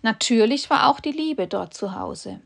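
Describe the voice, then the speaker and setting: A woman narrating a fable in a calm, measured storybook reading. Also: a little high, vocal fry.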